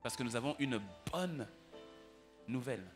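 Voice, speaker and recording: A male pastor preaching with passion, his voice at an ordinary middle pitch. He repeats words as he stumbles forward and acts out bits of dialogue. Soft instrumental music plays faintly behind him. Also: a little slow. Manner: passionate preaching, stammering repetitions, acting out dialogue. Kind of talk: sermon.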